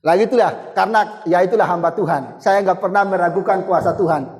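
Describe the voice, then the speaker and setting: A man preaching, his voice sitting very high for a man. He tells his testimony in a relaxed, conversational way, with a long reverb trailing each phrase through the hall. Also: fairly quick. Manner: conversational, storytelling with acted quotes and chuckles. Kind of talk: sermon with personal testimony.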